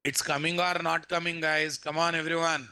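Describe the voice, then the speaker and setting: A man's voice: on the high side, flat delivery, normal speed, pushed and bright. A man with a Telugu Indian accent teaching a live coding lesson, repeating phrases and prompting students with questions. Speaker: programming instructor.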